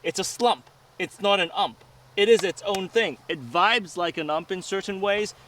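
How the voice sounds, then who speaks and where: Guy reviewing guns outside, casual chat, voice on the high side, mic a bit far. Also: moderate pace, a bit bright. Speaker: firearms review host. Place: outdoor shooting range. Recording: distant mic, faint outdoor noise.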